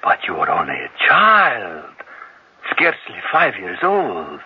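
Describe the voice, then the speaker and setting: An actor playing an aging exiled professor in a radio drama, agitated and halting, with a husky voice, heard on an old lo-fi radio recording. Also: male voice, deep voice, huge pitch swings, full character voice. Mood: shocked. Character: aging male exiled professor, anxious and haunted.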